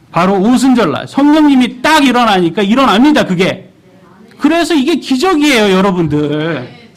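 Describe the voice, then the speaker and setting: Man, thirties, church sermon, high voice, very animated pitch, questions the listeners. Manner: animated, asks the congregation questions. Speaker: preacher.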